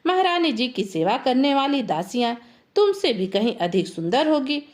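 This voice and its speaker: A woman's voice: high voice, sing-song, moderate pace, darkish tone. A woman voicing a distraught, irritable village farmer man who has lost his buffalo. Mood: bossy. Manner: grumbling, irritable.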